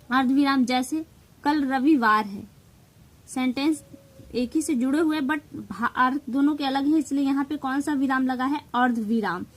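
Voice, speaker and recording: A woman's voice: sits high, rough recording. A woman teacher with a Hindi accent giving an exam-prep grammar lesson, explaining step by step, stressing key terms and mixing in English words.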